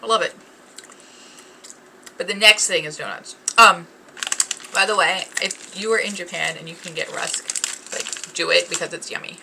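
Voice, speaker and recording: A woman's voice: fairly low pitch, normal speed, gravelly, long pauses, background noise. A woman hosting a casual snack-tasting vlog, chatting eagerly, reading package blurbs aloud and talking while chewing. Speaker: snack review host.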